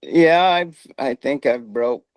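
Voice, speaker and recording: A former rodeo rider and coach, middle-aged and missing his front teeth, chats casually in an interview with a folksy, plain-spoken manner. His voice is mid-range and he takes his time, with no echo in the recording.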